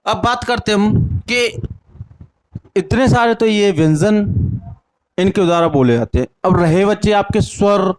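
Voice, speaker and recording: A young man teaching a lesson with a north Indian Hindi accent. He asks each question, answers it himself, repeats the answer, and sounds out syllables slowly one by one. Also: high voice, animated. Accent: Hindi-speaking north Indian. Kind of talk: classroom lesson with call-and-response drills.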